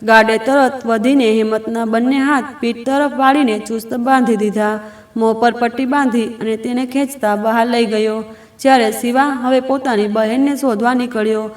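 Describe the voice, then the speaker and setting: A woman's voice: a little high, reverberant, distant mic. A woman narrating a scripted, emotional family story with a dramatic reading.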